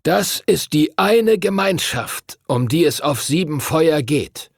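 Male narrator doing a gravelly, dry-voiced old dragon master, solemn and commanding in a storybook reading. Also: a little high, lively intonation, takes it slowly, dry recording, voice pushed up, heavily acted. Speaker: teacher of dragon riders. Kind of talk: audiobook character voice.

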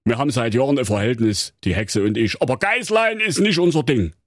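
A man's voice: mid-range voice, lively intonation, fairly quick, no room sound, clean studio sound, pitched above the performer's own voice, lightly acted. Sheepish blunt hunter, a man doing the voice.

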